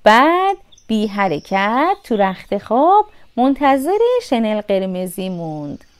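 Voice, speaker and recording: A woman narrating a children's fairy tale with expressive, sing-song storytelling. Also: mid-range voice, clear, resonant tone.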